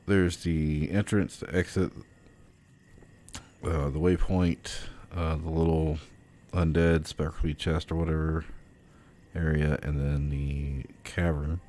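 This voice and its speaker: A man's voice: rumbling low, level tone, slow, dark tone. A tired man streaming a game late at night, rambling through his plans with casual swearing and lots of fillers. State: sleepy, yawning. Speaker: gaming streamer. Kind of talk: casual gameplay commentary.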